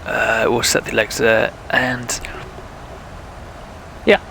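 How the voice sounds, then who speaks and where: A man's voice: medium pitch, level tone, slow, vocal fry, pushed and bright, slight background noise, low-quality recording. A young man, chatting casually while streaming a flight sim, thinking aloud and talking to viewers, with a sore throat. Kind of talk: casual live-stream commentary.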